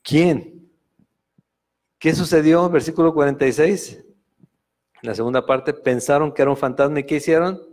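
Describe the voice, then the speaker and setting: A man's voice: on the high side, moderate pace, pauses often, darkish tone. A man with a Mexican Spanish accent giving a Sunday Bible study sermon, speaking conversationally with frequent fillers and self-corrections. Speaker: pastor. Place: church meeting room.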